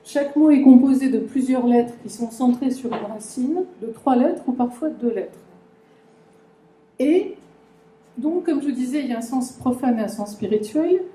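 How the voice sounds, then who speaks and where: A woman's voice: high voice, normal speed, dark tone. A woman giving a conference lecture, talking to the audience with many fillers and restarts. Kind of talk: conference talk explaining a language. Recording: echoey lecture room.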